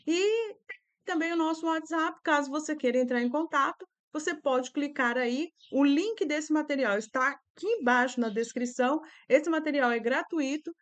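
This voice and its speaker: A woman's voice: high-pitched, normal speed. A Brazilian woman teacher with a Brazilian accent, explaining reading activities to other teachers in a chatty way, checking in often with little tag questions. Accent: Brazilian Portuguese.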